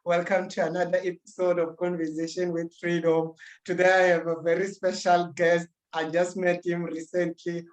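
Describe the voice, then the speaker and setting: Brief: male podcast host, high-pitched, enthusiastic, casual. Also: completely flat delivery, normal speed, few pauses, low-quality recording.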